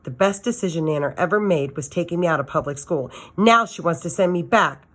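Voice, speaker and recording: Reading a children's novel aloud, a woman with a slightly low voice narrates like a teacher sharing a story with her students. She is expressive and goes a little fast.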